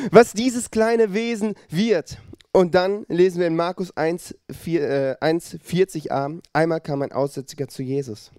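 A pastor preaching a lively sermon and speaking directly to his listeners. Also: high voice, no echo, studio quality.

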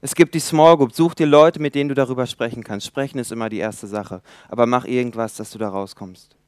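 A man in his twenties preaching a sermon in a church, emphatic, swinging between loud appeals and quiet asides. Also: mid-range voice, steady tone, fairly quick, smooth, no echo, studio quality. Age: 20s.

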